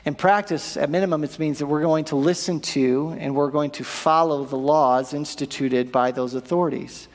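A man in his thirties preaching a sermon from a church stage, animated and asking the congregation rhetorical questions. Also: a little high, moderate pace, few pauses. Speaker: pastor. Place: church auditorium stage with audience. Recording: long reverb of a church hall.

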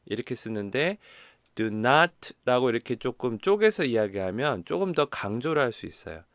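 A man giving an online English lesson, explaining step by step and reading example sentences slowly and carefully, often checking in with his listeners. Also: mid-range voice, sing-song, fairly bright tone, dry recording, clean studio sound. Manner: checks in with the listener with short tag questions. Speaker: English teacher.

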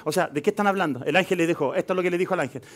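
A man with a Chilean accent preaching a live sermon in church, swinging between quiet asides and loud, emphatic stretches. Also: high voice, very fast. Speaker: pastor. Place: church hall.

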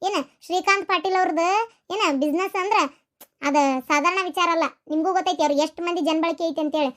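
A woman's voice: very high-pitched, fairly even intonation, fast, fairly bright tone. A woman voicing a young married woman in a cartoon who firmly defends her husband, with a North Karnataka Kannada accent. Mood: defensive. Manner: firm, defensive, earnest. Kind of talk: cartoon voice acting.

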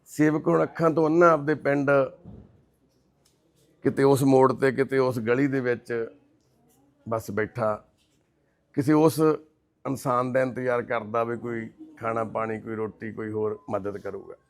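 A man narrating a charity case in a gentle, measured manner. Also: medium pitch, fairly even intonation. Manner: gentle, consoling, measured delivery. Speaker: charity worker presenting a case. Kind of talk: documentary-style narration and on-site questioning.

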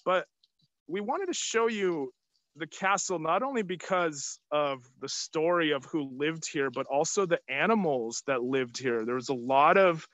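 A man's voice: a little high, a bit bright, no echo. A man in his thirties speaking up through a surgical face mask as an upbeat tour guide, hosting a live outdoor tour for children and putting questions to them. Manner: projecting, upbeat, asking the audience questions. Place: outdoors on an open hilltop terrace. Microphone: phone or camera at arm's length, video call.

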